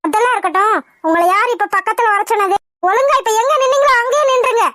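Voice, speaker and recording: A woman's voice: very high voice, fast, sharp tone, no echo, studio quality. A woman voicing a proud, stubborn young wife in a cartoon, sulking and scolding her husband indignantly. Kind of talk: cartoon voice acting.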